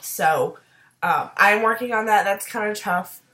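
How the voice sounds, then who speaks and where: A woman chatting upbeat in a casual video diary, fighting off a cold and clearing her throat now and then, with frequent ums. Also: medium pitch, a little slow, fairly bright tone. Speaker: video diarist. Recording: roomy echo.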